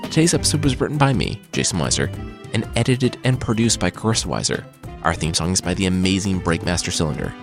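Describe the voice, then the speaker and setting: A male podcast host reads his own script with a dry, sarcastic edge. His voice sits fairly low but moves through a lively, animated pitch range. Soft music plays faintly underneath. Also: fast talker, gravelly. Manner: wry, sarcastic storytelling. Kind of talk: scripted narration.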